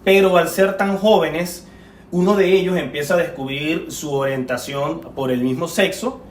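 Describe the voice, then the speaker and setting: A man co-hosting a relaxed film-chat podcast, wandering through his points and stumbling over words. He sits back from the microphone in an echoey room. A faint hiss runs under his voice. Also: fairly high pitch, normal speed, far from the mic. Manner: rambling, self-correcting, laughs often. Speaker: podcast co-host. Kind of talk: casual film-discussion podcast.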